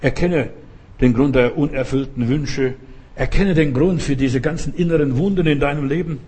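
A man's voice: on the high side, moderate pace, a little mellow, husky. A man preaching a sermon with fervent, exhorting, repetitive appeals.

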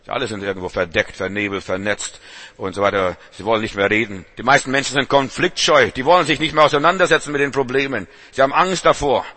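Emphatic preacher man, bright voice. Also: mid-range voice, fast talker. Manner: emphatic, repetitive exhortation. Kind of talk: sermon. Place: church service.

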